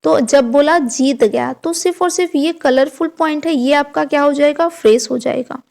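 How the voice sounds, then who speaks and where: Gravelly high-voiced woman teaching grammar. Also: a little mellow. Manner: explains slowly with rhetorical questions, mixing English words. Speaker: exam prep teacher. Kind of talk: online Hindi grammar lesson.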